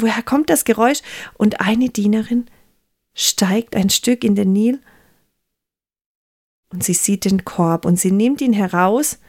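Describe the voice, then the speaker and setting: A woman telling a Bible story to children in an expressive way, slowing down for suspense. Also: on the high side.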